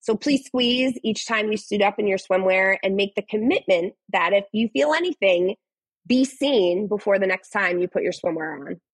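A young adult woman speaking as a podcast guest, earnest and animated, often restarting her sentences. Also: mid-range voice, normal speed, husky, no echo, poor audio. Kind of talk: casual interview conversation.

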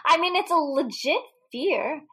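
Brief: fairly high-voiced woman, animated, laughing co-host in casual film talk. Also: unhurried. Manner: animated, swears freely, laughs often. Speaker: podcast co-host. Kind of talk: casual movie discussion.

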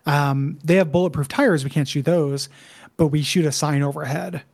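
A man's voice: fairly high pitch, steady tone, normal speed, creaky, darkish tone. A man co-hosting a show, recapping a game story in loose, laid-back casual conversation. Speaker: co-host of a video game discussion show.

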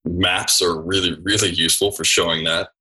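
A man's voice: sits low, fairly even intonation, normal speed, bright, forceful tone, poor audio. A man hosting a podcast interview, chatty and enthusiastic. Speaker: podcast host.

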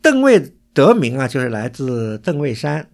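A man's voice: mid-range voice, big pitch swings, normal speed, creaky, darkish tone. A man from Suzhou, co-hosting a casual chat and explaining place names and local history in detail. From Suzhou, China. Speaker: co-host.

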